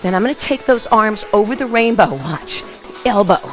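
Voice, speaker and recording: A middle-aged woman aerobics instructor exercises in an open living room at home, calling out short, punchy, encouraging workout cues over music. Her voice is mid-range and animated, at a moderate pace.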